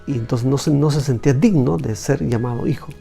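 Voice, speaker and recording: A man's voice: medium pitch, brisk, creaky, mellow, faint music behind. A man teaching a Bible lesson in conversation, repeating phrases for emphasis.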